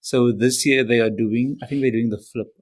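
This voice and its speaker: A man's voice: mid-range voice, fairly even intonation, moderate pace. A South African man co-hosting a casual tech podcast, rambling through points with hesitant restarts.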